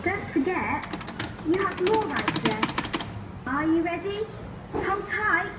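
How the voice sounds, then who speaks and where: A woman's voice: very high-pitched, sing-song, slow, very noisy. A woman's recorded voice from a kiddie ride speaker, giving cheerful sing-song prompts. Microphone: ride's built-in loudspeaker, picked up by a phone. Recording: echoey, from a ride speaker at a distance.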